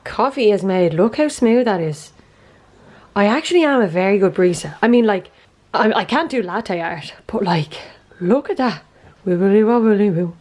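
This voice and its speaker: A woman's voice: medium pitch, expressive, moderate pace, a little mellow. A young Irish woman vlogging at home in a casual, chatty way, feeling under the weather and sniffly, with self-mocking asides. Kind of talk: casual chat to camera. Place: at home indoors.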